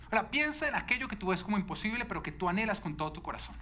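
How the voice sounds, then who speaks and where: Bright-voiced male pastor preaching. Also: rapid-fire. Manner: animated storytelling, quoting a child in a high shouting voice. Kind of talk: sermon.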